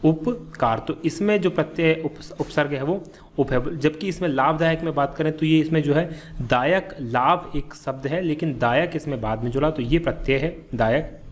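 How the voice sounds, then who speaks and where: A man's voice: on the high side, moderate pace. A man teaching a grammar lesson for exam preparation, patiently repeating key terms and asking and answering his own questions. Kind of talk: exam-prep lesson explaining quiz answers.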